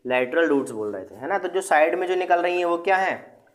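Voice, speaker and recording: A man's voice: on the high side, animated, a little fast. A male teacher giving an online class, who asks his students questions and answers them himself and mixes English terms into his explanations.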